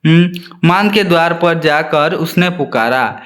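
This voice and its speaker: Guy teacher going over a kids' story, keeps repeating stuff and asking the children questions, kinda high voice. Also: animated, measured pace, a bit bright. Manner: repeats lines and quizzes the children. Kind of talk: storybook lesson for young children.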